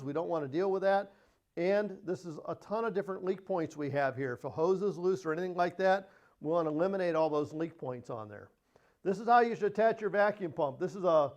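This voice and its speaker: A man giving a technical HVAC training presentation in a plain-spoken way, repeating his key points. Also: high voice.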